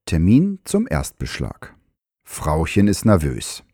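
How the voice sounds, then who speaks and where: A man, a farrier, giving calm, measured advice in scripted explanatory narration. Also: sits low, no room sound, studio quality.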